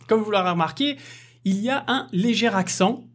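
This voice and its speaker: A man's voice: high-pitched, moderate pace. A man hosting a casual podcast interview, chatty and jokey, full of fillers. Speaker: podcast host.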